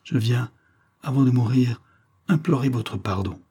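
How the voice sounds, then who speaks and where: A man's voice: mid-range voice, measured pace, dark tone, slightly rough. A man reading the part of a poisoned young man, urgent and pleading. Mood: desperate pleading.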